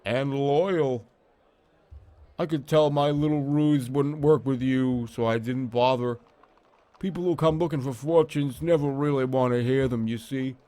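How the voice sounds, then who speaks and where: A man's voice: medium pitch, unhurried, dark tone, close to an everyday voice. A man voicing a squat, ugly, fearful fortune-teller creature in a game, hesitant and evasive, repeating himself plaintively. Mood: sly, apologetic. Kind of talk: game character dialogue read aloud.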